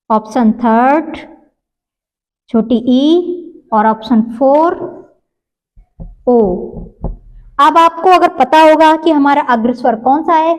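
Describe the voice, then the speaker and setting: A woman teacher giving a grammar lesson, asking the class questions and answering them herself, repeating points slowly and stretching out sounds. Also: high-pitched, poor audio.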